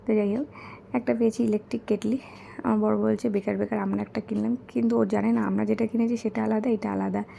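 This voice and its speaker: A young woman talking softly and hoarsely in a casual chat while showing gifts, keeping her voice low because her son is asleep. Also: level tone, quick pace, a little hiss or hum. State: hoarse, her throat is bad.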